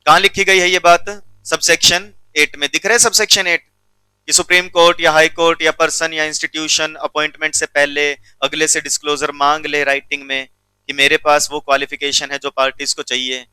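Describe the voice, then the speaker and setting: A man's voice: on the high side, sharp tone, clear, resonant tone, dry recording, rough recording. A male teacher giving a classroom law lecture, keeps checking whether students follow and teases them sternly.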